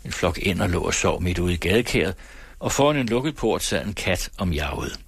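A man reading a novel aloud in a measured storytelling manner. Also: deep voice, lively intonation, creaky, husky, no room sound. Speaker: narrator.

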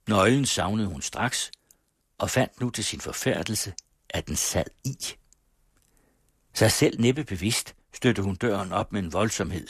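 A man narrates a storybook with a low, husky voice, reading in a measured, even way. The sound is dry and close. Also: no room sound. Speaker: audiobook narrator. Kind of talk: scripted narration of a classic story.

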